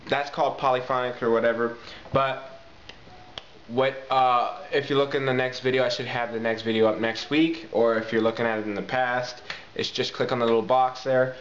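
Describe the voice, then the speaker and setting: The tutorial's presenter, a talk box player, speaks in a steady, fairly bright mid-range voice at a moderate pace. His informal hands-on lesson addresses viewers as "guys" and repeats key points for emphasis, though the amateur video sound is muffled, echoey and noisy.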